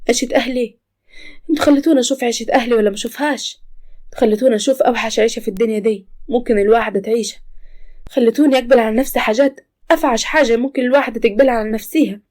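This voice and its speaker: A woman's voice: on the high side, rapid-fire, a little mellow, voice pushed up, close to an everyday voice. A woman voicing a frightened, despairing young woman who talks in pleading, tearful tones. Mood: defiant.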